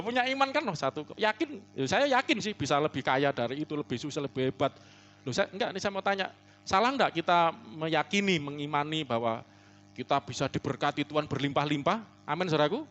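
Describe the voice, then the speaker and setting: A male pastor delivers a conversational church sermon, his voice sitting somewhat high for a man. He tells stories, keeps addressing the listeners as "saudaraku", and swings between loud emphasis and soft, hushed asides. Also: dull audio. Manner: chatty, storytelling, often calls listeners "saudaraku". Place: church service.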